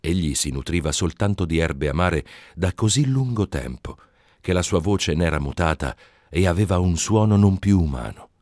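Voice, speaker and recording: A man narrating a literary tale in a slow, measured reading. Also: low voice, lively intonation, darkish tone, dry recording, clean studio sound. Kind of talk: scripted narration.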